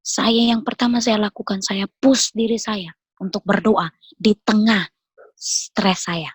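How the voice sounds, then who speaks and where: A woman's voice: mid-range voice, unhurried, husky, no room sound, poor audio. Earnest Indonesian woman sharing her faith story. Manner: earnest, animated storytelling with repetitions. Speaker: guest sharing testimony.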